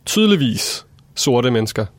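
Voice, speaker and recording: A man's voice: medium pitch, sing-song, no echo. A man debating on a comic radio show, hesitant yet insistent, repeating his point. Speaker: radio panelist.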